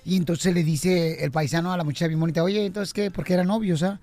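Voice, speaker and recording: A man hosting a comedic radio show, talking loud and playful. He teases his co-hosts and tells jokes with plenty of energy. Faint music sits under his voice. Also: on the high side, fairly even intonation, quick pace. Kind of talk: comedic radio banter and joke telling.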